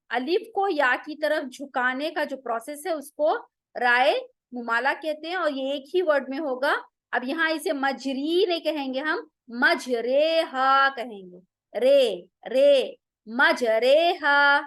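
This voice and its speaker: Patient high-voiced woman teaching recitation. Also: a bit bright, no room sound. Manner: patient, repeats and drills pronunciation slowly. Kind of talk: online tajweed lesson.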